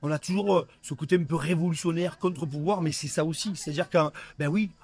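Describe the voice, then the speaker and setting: Brief: Provençal man, street interviewee, expressive and emphatic. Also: a little high, quick pace, slightly rough.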